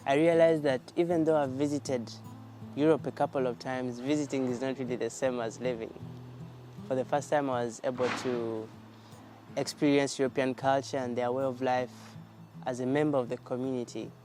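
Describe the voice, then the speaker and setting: Mellow-voiced man, reflective. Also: mid-range voice, steady tone, moderate pace, soft background music. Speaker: volunteer. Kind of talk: personal testimony.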